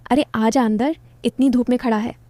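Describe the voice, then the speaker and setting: Mid-thirties widowed village woman, teasing and motherly, read by a woman narrator; slightly high, mellow tone. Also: steady tone, normal speed, close to an everyday voice. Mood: friendly.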